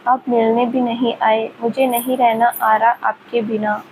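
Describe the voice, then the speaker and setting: A woman's voice: on the high side, little pitch movement, measured pace, slight background noise, rough recording. A woman voicing a young female student who pleads and apologizes through tears in a storybook reading. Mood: pleading. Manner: soft, apologetic, crying-tinged pleas.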